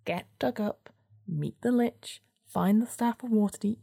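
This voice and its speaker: A woman's voice: medium pitch, measured pace, gravelly, warm tone, slightly rough, no echo, studio quality, voice pushed up. A woman voicing a sarcastic, endlessly grumbling weasel in a storybook adventure, ranting in weaselly mock politeness. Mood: sardonic grumbling. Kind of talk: storytelling character voice.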